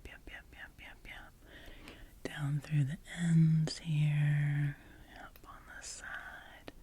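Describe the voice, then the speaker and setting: This ASMR creator plays a hairdresser, speaking in a soft, breathy, low whisper. She stays soothing throughout, gently repeating short phrases.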